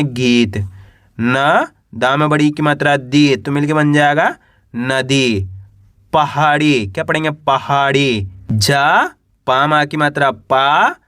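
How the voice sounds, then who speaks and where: A man teaching Hindi reading, spelling out each word slowly and patiently, asking the viewer and then repeating the answer. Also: a little high, fairly bright tone, smooth, dry recording, clean studio sound. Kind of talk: slow spelled-out reading lesson.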